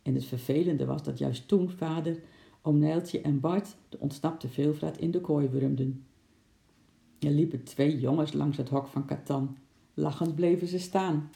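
A narrator reading a children's storybook aloud in a calm storytelling manner, with a roomy echo. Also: medium pitch, unhurried, vocal fry.

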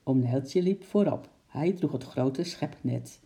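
A man reads a children's story aloud with a very dark, mellow tone at a middle pitch. He tells it in a lively way, stepping into voices for each character. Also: slow pace. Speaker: narrator.

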